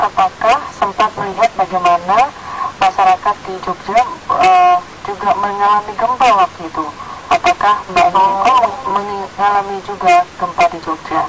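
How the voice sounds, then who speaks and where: A woman with a mid-pitched voice hosts a live radio call-in. She addresses guests and reads listener messages aloud. Loud noise runs through the recording.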